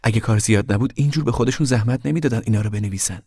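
A man's voice: mid-range voice, a little mellow, husky, dry recording, studio quality. An actor voicing a weary, practical farm mother in a radio drama, talking in an earnest, plain way. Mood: reasoning.

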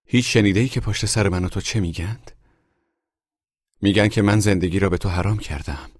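A man reading a story aloud, voicing a shrill, furious young wife who makes a scene in front of guests, with loud, indignant outbursts. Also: no echo, studio quality. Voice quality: shrieking. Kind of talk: dramatic audiobook reading.

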